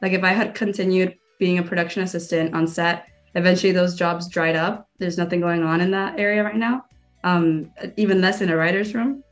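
A young woman from Miami talks in a relaxed, rambling way in an interview, leaning on "like" as she goes. Her voice sits a little low. A faint bed of music plays under her. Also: brisk. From Miami, Florida. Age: young adult. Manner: chatty, lots of "like" fillers. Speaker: guest filmmaker and stand-up comedian. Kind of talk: casual interview chat.

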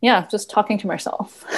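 Her voice is on the high side with a breathy edge: a woman whose first language is Cantonese, reflecting thoughtfully as a podcast guest. She speaks softly, with frequent "like" fillers and quiet laughter.

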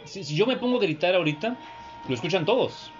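A woman's voice: on the low side, very animated, quick pace, lo-fi sound, soft background music. A woman chatting bluntly in slang as a podcast co-host. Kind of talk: casual chat.

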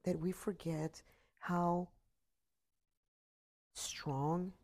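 A woman's voice: on the low side, fairly even intonation, drawn-out words, a little mellow. A tired woman giving an earnest, repetitive motivational talk into her computer mic.

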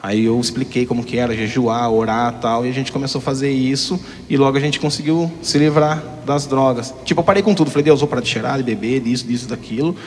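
A man's voice: medium pitch, fairly even intonation, fast, few pauses, a little hiss or hum. A young man telling his own testimony frankly, rambling, with frequent tag questions. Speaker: guest giving a testimony. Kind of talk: candid personal testimony. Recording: hall reverb.

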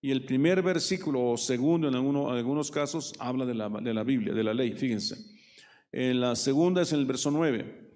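A man's voice: mid-range voice, moderate pace, darkish tone. A man preaching a Bible study sermon, reading verses aloud and explaining them, often adding tag questions and correcting himself mid-phrase. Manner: frequent tag questions and self-corrections, leans into quoted verses. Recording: reverberant hall.

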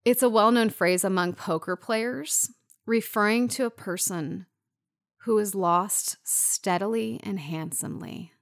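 A woman's voice: mid-range voice, a little slow, no room sound. A woman from Las Vegas co-hosting a podcast, casually talking through a film scene, emotional and close to tears. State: crying. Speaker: podcast co-host.

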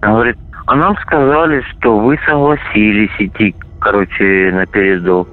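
A man's voice: lowish voice, fairly even intonation, moderate pace. A man, a soldier, casually recounting things on a call heard over a radio intercept. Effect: heard over a radio or intercepted phone line. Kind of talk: casual storytelling on a phone call. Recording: tinny phone-like intercept, music laid over.

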